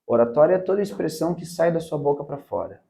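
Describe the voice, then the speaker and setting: A man's voice: fairly high pitch, big pitch swings, fast, vocal fry, mellow. A Brazilian man mentoring on public speaking, talking emphatically in a casual interview and often tagging his points with "cara" and "né". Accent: Brazilian Portuguese.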